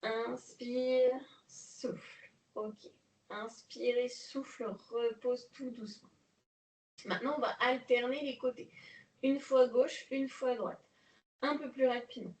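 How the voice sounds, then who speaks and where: A woman leading a guided prenatal exercise class, calmly counting breaths and giving coaching cues. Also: a little high, slow pace, recorded from a distance. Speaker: prenatal fitness instructor. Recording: echoey room, voice off-mic.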